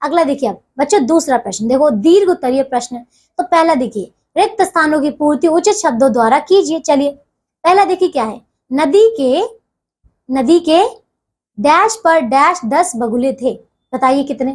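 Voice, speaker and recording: Young female teacher, high-pitched, patient classroom explainer for children. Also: lively intonation, moderate pace, a little mellow. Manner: patient, repeats "dekhiye" and "theek hai" often. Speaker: school teacher. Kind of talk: explaining a grammar lesson to children.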